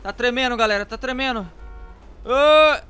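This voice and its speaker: A man with a Brazilian accent giving excitable gameplay commentary, often shouting and using slang. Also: sits high, normal speed, clear, resonant tone, dry recording, faint music behind. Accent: Brazilian Portuguese. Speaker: gameplay youtuber.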